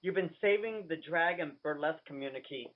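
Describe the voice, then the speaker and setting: A man's voice: on the high side, fairly quick. A man hosting a radio interview over the phone, gushing, flamboyant and enthusiastic. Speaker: radio host and drag queen. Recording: tinny phone line.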